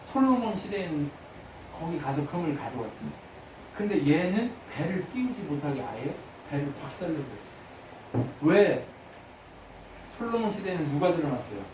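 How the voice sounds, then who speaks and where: A pastor with a high voice preaches in a sing-song manner at normal speed, pausing often as he quizzes the congregation and loudly acts out brief pleading prayers. The church sanctuary is very echoey, and he's heard from a distance off the mic. Background noise and a faint murmur linger behind him.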